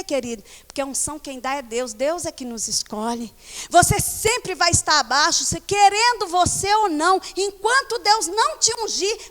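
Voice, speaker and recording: A woman pastor with a Brazilian Portuguese accent, preaching a sermon in a church hall and moving between animated storytelling and scolding the congregation. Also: high-pitched. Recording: long church reverb.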